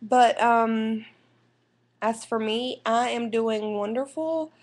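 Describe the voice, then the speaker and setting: A young woman from South Carolina, rambling through a casual life update at home into her computer's microphone. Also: medium pitch. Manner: rambling and unhurried, with fillers and restarts. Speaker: vlogger and new mother. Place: indoors at home. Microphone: computer webcam microphone.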